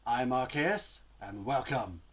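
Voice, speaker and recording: A man's voice: mid-range voice, takes it slowly, a bit bright, slight background noise. A man with a cold, chatting casually to camera as a gaming vlogger in a rambling, exasperated way. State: has a cold, coughing. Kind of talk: casual vlog chat to camera.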